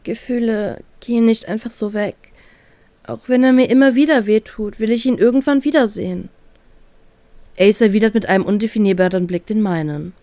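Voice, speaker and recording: A woman reading a fan fiction story aloud in a steady, even narrating voice. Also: mid-range voice, normal speed, no room sound.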